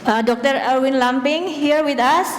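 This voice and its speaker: A woman's voice: high voice, moderate pace. Woman host introducing a speaker. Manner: informal, hesitant with fillers. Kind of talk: event introduction. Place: lecture hall. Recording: echoey lecture hall, faint noise.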